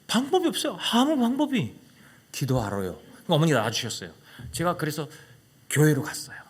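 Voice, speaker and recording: A man preaching a sermon as a pastor, telling a personal story dramatically, asking the congregation questions and swinging from loud exclamations to hushed whispers. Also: on the high side, huge pitch swings, quick pace, breathy edge.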